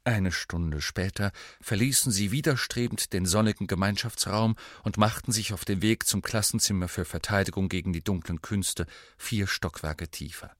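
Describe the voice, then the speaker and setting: Male audiobook narrator, measured and even, lowish voice, dry booth. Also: dry recording. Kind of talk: scripted narration.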